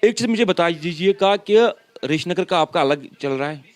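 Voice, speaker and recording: Man, reporter, somewhat high voice, formal and filler-heavy. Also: animated, moderate pace. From Kashmir. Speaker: news reporter. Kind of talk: local news field report.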